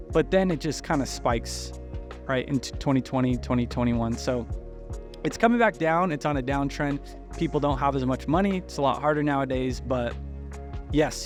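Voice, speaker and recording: A man hosting a casual commentary, talking with cheeks still swollen after having wisdom teeth removed. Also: fairly high pitch. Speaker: host.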